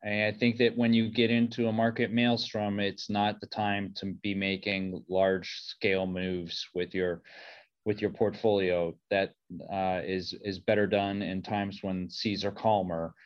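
A man giving unscripted commentary as an expert panelist, halting and repeating words as he thinks. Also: fairly low pitch, level tone, clean tone, dry recording. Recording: dry, slightly dull lo-fi audio.

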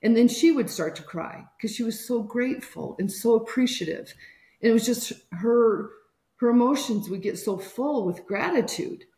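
A woman's voice: fairly high pitch, animated, normal speed, mellow, reverberant. A woman guest on a podcast interview, telling a personal caregiving story and acting out the voices of people she quotes.

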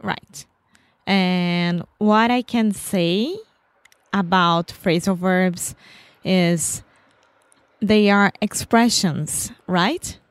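Woman speaking english, slow and unsure, lowish voice, dry sound. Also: smooth, dry recording. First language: Portuguese. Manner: short hesitant answers, searching for words. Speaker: podcast guest, advanced English learner. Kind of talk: casual chat.

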